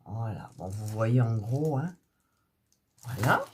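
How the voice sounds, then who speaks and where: Chatty woman with a lively voice. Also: a bass voice, slow, heavy background noise. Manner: chatty, hesitant, many fillers and restarts. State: sick, coughing. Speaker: hobby vlogger showing diamond painting kits. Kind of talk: casual chat to subscribers.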